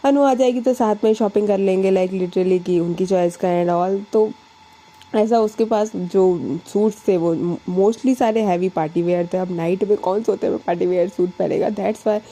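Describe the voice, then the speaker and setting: A young woman narrates a romance story in a loose, chatty way, scattering fillers and English words. Her voice is mellow and very dark with a husky grain, at a middle pitch. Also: fairly even intonation, normal speed, rough recording. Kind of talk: casual narration of a love story.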